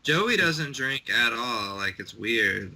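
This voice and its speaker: A man's voice: medium pitch, very animated, takes it slowly, pushed and bright, rough recording. A man co-hosting a podcast in casual, conversational talk. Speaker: podcast co-host. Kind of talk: casual chat.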